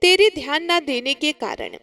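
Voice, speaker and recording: A woman's voice: sits high, animated, normal speed, a bit bright, dry recording. A woman voicing a spoiled, scornful young daughter-in-law who talks in an irritated way in a storybook tale.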